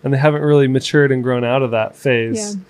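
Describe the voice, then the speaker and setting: A man in his twenties chatting casually as podcast co-host, reflective and halting, with fillers and restarts. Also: mid-range voice, expressive. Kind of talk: casual conversation.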